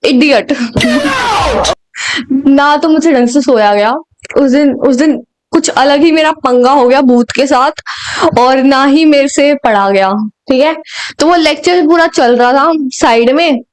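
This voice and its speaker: High-voiced young woman telling a story. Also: slow. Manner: chatty, dramatic, mixes Hindi and English; laughs at herself often. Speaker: storyteller vlogger. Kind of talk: casual storytime vlog.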